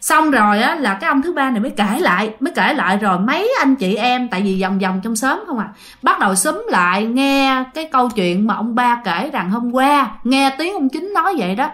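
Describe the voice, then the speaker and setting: High-voiced Southern Vietnamese woman telling ghost stories. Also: lively intonation, a little fast, a bit bright. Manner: chatty, addresses listeners directly. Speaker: storyteller host. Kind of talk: ghost story narration.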